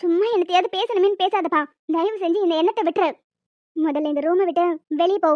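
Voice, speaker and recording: A woman's voice: extremely high pitch, fast talker, no room sound. A woman voicing a young woman in a cartoon who pleads and confesses with earnest emotion, in a dry, dull lo-fi recording. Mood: indignant. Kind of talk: amateur cartoon voice acting.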